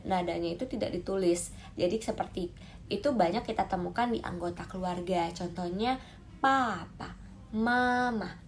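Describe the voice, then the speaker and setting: Woman, Mandarin teacher, mid pitch, stretched example syllables, faint hiss. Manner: lively, drawn-out demonstration syllables. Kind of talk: explaining lesson to camera.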